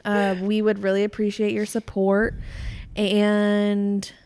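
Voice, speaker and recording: A woman's voice: medium pitch, completely flat delivery, takes it slowly, darkish tone, clean tone. Young woman podcast cohost, casual chatty, lots of likes and ums, giggles. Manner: chatty, giggly, trails off with fillers. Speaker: podcast co-host. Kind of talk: casual chat.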